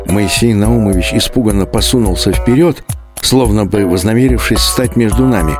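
A man narrating an audiobook with dramatic, expressive delivery. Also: fairly low pitch, normal speed, over music. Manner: dramatic, animated.

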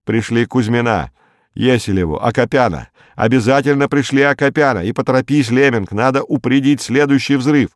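A man reading a book aloud, voicing an excited male expedition leader shouting urgent orders over a radio link. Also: mid-range voice, normal speed, no room sound, studio quality, lightly acted. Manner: urgent, commanding, insistent.

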